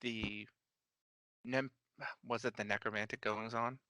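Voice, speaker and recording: A man playing in a tabletop game, talking haltingly with many restarts. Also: lowish voice, steady tone, bright, forceful tone, no room sound. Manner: hesitant, halting, full of restarts. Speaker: player. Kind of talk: tabletop role-play.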